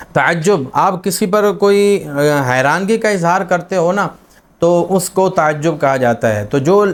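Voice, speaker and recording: Guy teaching grammar, kinda high voice, patient, lots of examples and "umm"s. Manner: patient, explaining, lists examples with many fillers. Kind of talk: spoken lesson on Arabic grammar.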